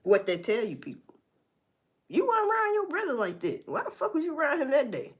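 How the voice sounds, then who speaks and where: A woman's voice: high-pitched, huge pitch swings, a little fast. A woman giving casual, profane and sarcastic commentary, rambling along with sighs and laughs. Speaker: vlogger commenting on news.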